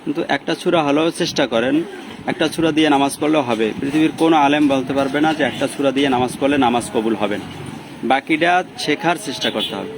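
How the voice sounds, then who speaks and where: A gravelly-voiced man gives a slow, patient pronunciation lesson, breaking words into sounds and chanting them drawn out. He is recorded outdoors, with street and traffic noise clearly audible behind him. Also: medium pitch. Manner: drawn-out chanted recitation between patient explanations. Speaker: Quran recitation teacher.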